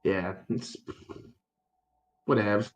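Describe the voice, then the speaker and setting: A man's voice: lowish voice, slow, roomy sound. A man co-hosting a casual chat, rambling with many fillers and restarts and casual swearing. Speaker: podcast co-host.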